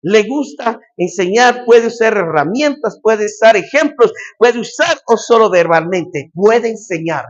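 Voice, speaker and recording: Male pastor, high voice, emphatic repetitive preaching, muffled lo-fi sound. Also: lively intonation, unhurried, few pauses. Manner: emphatic preaching, repeats phrases, shouts calls. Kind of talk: sermon.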